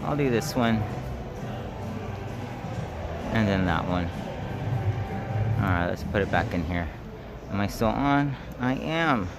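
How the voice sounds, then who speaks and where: A man's voice: on the low side, lively intonation, slow pace, long pauses, over loud music. A man chatting casually and informally on a live stream while climbing at an indoor gym, thinking aloud in short bursts.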